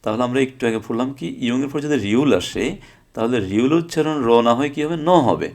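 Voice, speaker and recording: A man's voice: mid-range voice, expressive, fast, a little mellow. A man teaching a language lesson, posing questions and answering them himself, repeating phrases and checking in with his listeners. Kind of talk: explanatory lesson.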